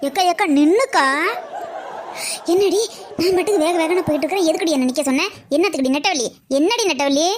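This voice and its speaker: A woman voicing a sharp-tongued, teasing cartoon woman who mocks her older sister. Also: very high-pitched, fast, crowd noise, background noise. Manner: mocking, lively. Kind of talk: cartoon comedy acting.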